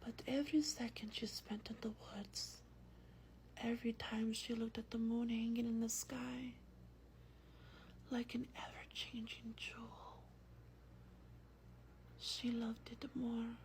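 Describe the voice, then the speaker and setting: In a gentle ASMR roleplay, a female vampire host reads a bedtime story aloud in a breathy, hushed whisper, speaking slowly near the microphone. Her voice is on the high side, and a faint background noise can be heard.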